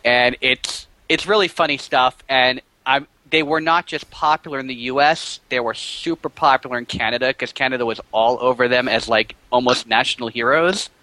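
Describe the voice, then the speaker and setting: A man co-hosting a casual movie podcast, explaining scenes with quick restarts. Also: medium pitch, bright, forceful tone, dry recording, rough recording. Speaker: podcast co-host.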